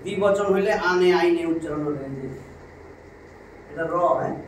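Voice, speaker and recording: A man's voice: high-pitched, normal speed, slight background noise. Man teaching in a very echoey room. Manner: explains word by word, repeating terms. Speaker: religious teacher. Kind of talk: classroom Quran lesson. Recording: very echoey room recording from a distance.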